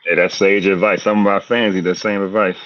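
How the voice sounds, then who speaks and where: A male podcast co-host on a video call who jokes around and tells stories in an animated way, heard through dull, lo-fi call audio. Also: deep voice, fairly quick. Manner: animated, joking storytelling. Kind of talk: casual sports chat.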